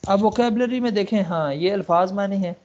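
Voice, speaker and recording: A man from Pakistan teaching an online Arabic lesson, explaining step by step and reading English lines aloud slowly, checking often that the student follows. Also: high-pitched, darkish tone, highs cut off. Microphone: online call.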